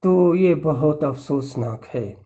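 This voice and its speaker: A man's voice: fairly high pitch, expressive, dark tone. A man giving an Islamic lecture, earnest and admonishing, working through numbered points and repeating lists. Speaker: Islamic preacher. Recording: dull lo-fi recording.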